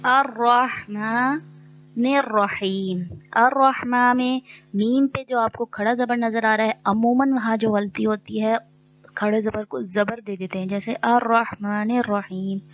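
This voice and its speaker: A woman teaching Quran recitation, speaking deliberately and drawing out sounds to demonstrate correct pronunciation. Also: on the high side, little pitch movement, lo-fi sound, slight background noise. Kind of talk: tajweed lesson.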